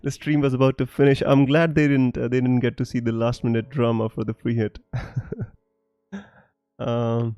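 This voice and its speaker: Reading viewer comments on his live stream, this young Punjabi fantasy football streamer speaks in a warm, clean, medium-pitched voice with little pitch movement and a moderate pace. His accent is mixed and hard to place; he's chatty, laughs a lot, and keeps restarting and using fillers. The recording has no echo but the highs are cut off.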